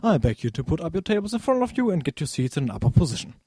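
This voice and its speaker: A formal airline pilot on the cabin intercom, as a young podcast host puts him on. The voice sits a little higher than usual and has an altered, slightly distant tone, with a dark, mellow color. The dry recording is close and stiff, like a rehearsed announcement. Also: male voice, very animated, racing, breathy edge, dry recording. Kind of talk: mock in-flight announcement.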